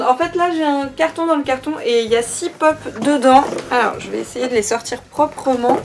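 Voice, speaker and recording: A woman's voice: high voice, a little mellow. A woman hosting a casual unboxing vlog, chatty and enthusiastic, with frequent small fillers as she describes what she finds. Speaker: vlogger unboxing collectibles.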